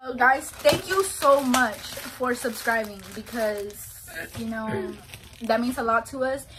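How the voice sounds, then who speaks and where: A woman's voice: fairly high pitch, takes it slowly, background noise. A young woman chatting casually as co-host of a vlog, recorded in a small room. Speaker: channel co-host. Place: small bedroom, indoors.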